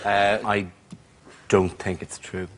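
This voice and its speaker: A man's voice: on the low side, level tone, slow pace, heavy background noise. A man on a panel game show, adding dry, absurd one-liners.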